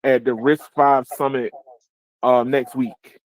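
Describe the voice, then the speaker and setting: A man hosting a casual tech podcast, rambling with restarts and quick laughs. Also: mid-range voice, flat delivery, dry recording. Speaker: podcast host.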